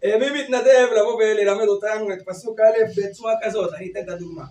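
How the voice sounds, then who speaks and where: A man leading an interactive lesson on Torah cantillation, briskly urging participants to read on. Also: sits high, steady tone, noisy background. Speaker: teacher of Torah reading to teachers. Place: classroom or hall with group. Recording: echoey room, far from mic.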